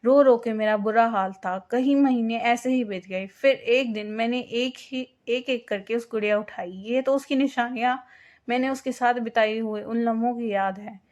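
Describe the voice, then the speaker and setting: A woman narrating an emotional first-person story slowly, with drawn-out pauses. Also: fairly high pitch, a little mellow. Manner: slow, heartfelt, with drawn-out pauses.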